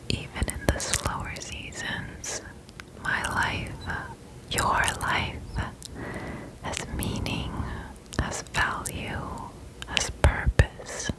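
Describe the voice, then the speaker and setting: A woman whispers an ASMR pep talk of comforting affirmations. She goes extremely slowly and soothingly, repeating phrases with long, drawn-out spacing. Her voice stays in a breath-only whisper. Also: rough recording. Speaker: ASMR host.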